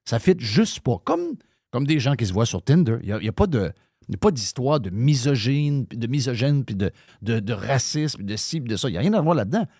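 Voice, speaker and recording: A man's voice: medium pitch, very animated, fairly quick, a little mellow, dry recording, clean studio sound. A man with a Québécois accent, hosting live radio talk in a heated, ranting way, swearing freely. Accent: Québécois French. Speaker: radio show host.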